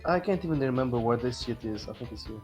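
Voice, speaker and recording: A man's voice: mid-range voice, animated, quick pace. A man playing a game on stream, chatting casually and cursing at his own mistakes. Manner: swears at his own mistakes, self-mocking. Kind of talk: casual gaming chat. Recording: dull lo-fi stream audio with game music.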